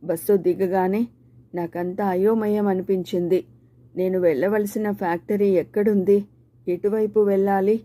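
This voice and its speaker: A woman reading a short story aloud as first-person narration, in a steady, measured way with even pauses. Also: medium pitch.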